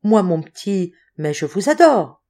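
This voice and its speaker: A woman voicing a rough middle-aged fisherman's wife who speaks low and hushed through clenched teeth. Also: big pitch swings, unhurried.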